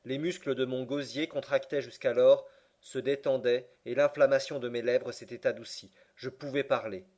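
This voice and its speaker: A man's voice: mid-range voice, fairly even intonation, normal speed, darkish tone. Man reading a novel aloud. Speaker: audiobook reader. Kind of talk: scripted narration.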